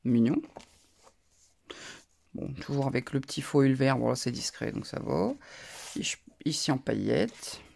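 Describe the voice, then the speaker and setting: Very deep and creaky, her voice stays animated yet unhurried, pausing often, with a darkish color. She's a crafting YouTuber with a northern French accent, casually rambling and digressing while presenting her crafting purchases in a haul video.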